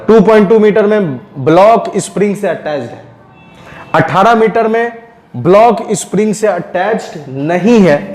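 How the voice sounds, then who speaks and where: A man's voice: sits high, a little mellow, echoey room. A male physics teacher from India working through a problem step by step and often asking if students follow. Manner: explains step by step, often checks understanding. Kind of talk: recorded classroom lecture.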